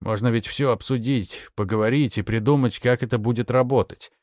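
A man's voice: mid-range voice, fairly even intonation, darkish tone, dry recording, studio quality, lightly acted. A man voicing a scheming, persuasive man who bargains and tempts a rival. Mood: wheedling. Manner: persuasive, slow, wheedling. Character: scheming, wheedling middle-aged man.

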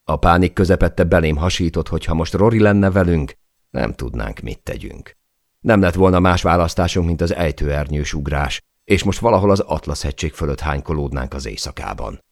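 A man's voice: low-pitched, expressive, creaky, dry recording. A man reading an audiobook in a dramatic style, recorded close in a studio. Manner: dramatic reading, shouting out the quoted cries. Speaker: audiobook narrator. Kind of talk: scripted audiobook narration.

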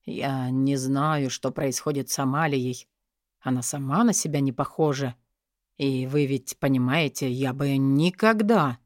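A woman voicing a meek young lord who speaks softly and hesitantly. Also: extremely low pitch, unhurried, dry recording, studio quality, voice pushed down. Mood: pleading. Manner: soft, hesitant.

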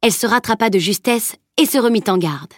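A woman narrating an audiobook in a steady, even storytelling manner. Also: fairly high pitch, brisk, no echo, studio quality. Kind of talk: scripted narration.

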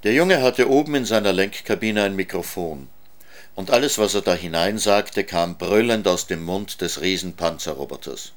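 A man reading a children's story aloud in a calm, measured way. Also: deep voice.

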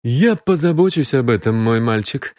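A man's voice: medium pitch, expressive, normal speed, darkish tone, no echo, natural voice. A man voicing a stern middle-aged detective who speaks in a dry, curt way.

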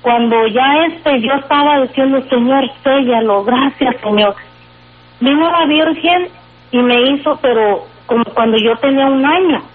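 A woman tells a personal faith testimony on call-in radio, in an earnest, halting way with frequent fillers. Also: sits high. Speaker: guest sharing a faith testimony. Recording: tinny phone line with faint music.

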